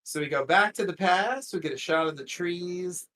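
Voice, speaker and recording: A man with a bright, fairly high voice co-hosts a casual recap podcast. He talks in an animated way, laughing often and jumping into characters' lines with extra energy. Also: moderate pace. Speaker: podcast co-host recapping a TV episode. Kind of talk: casual chat, episode recap.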